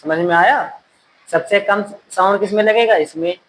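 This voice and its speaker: A male teacher giving a classroom lecture, repeating key phrases slowly so students can write them down. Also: high-pitched, fairly bright tone, a little hiss or hum, poor audio.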